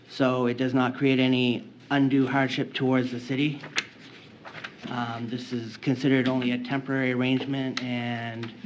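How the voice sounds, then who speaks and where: A man giving semi-formal testimony at a hearing as an applicant, hesitant and stiffly worded, with many ums. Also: mid-range voice. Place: indoor public hearing room. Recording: dull, lo-fi, faintly noisy room recording.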